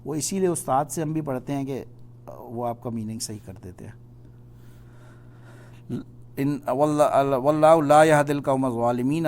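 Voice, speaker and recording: A man teaching a Quran study class, explaining patiently and reciting verses slowly. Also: mid-range voice, darkish tone.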